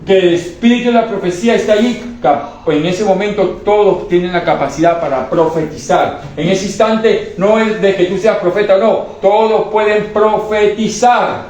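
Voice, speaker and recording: High-voiced preacher in a booming echoey hall. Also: male voice, normal speed, few pauses, darkish tone. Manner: storytelling, often checking in with the congregation. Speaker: preacher and prophet. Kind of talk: sermon with testimony. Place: church hall with a live congregation. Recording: very echoey hall, faint background hiss.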